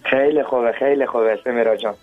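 A man's voice: mid-range voice, fairly even intonation, soft background music. A man from Herat, a singer guesting on a radio show, answering callers with polite, courteous greetings. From Herat, Afghanistan. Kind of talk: call-in radio chat. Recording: tinny phone-like line.

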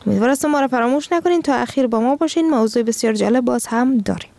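Gravelly-voiced female radio co-host. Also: a little high, warm tone, no echo. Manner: brief, courteous. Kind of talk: radio phone-in hosting.

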